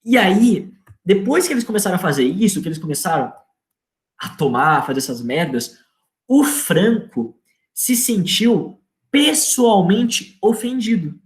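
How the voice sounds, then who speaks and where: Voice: mid-range voice, big pitch swings, a little slow. Slangy Brazilian teacher in an echoey room. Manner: informal and slangy, asks students rhetorical questions. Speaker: history teacher. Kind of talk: casual online history lecture.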